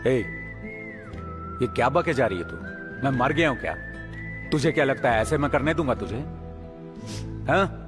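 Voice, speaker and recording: A man's voice: medium pitch, lively intonation, moderate pace, pauses often, over music, natural voice. A man dubbing a film role as a stern working-class father who barks at his family but cares for them. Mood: angry. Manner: barking orders, then gentle. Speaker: dubbing actor. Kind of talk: dubbed film acting.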